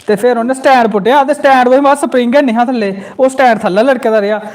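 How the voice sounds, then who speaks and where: Here a Jammu comedy host with a Dogri accent narrates a humorous story live, pausing to read viewers' comments. His very high voice moves quickly, and he lively acts out quoted lines.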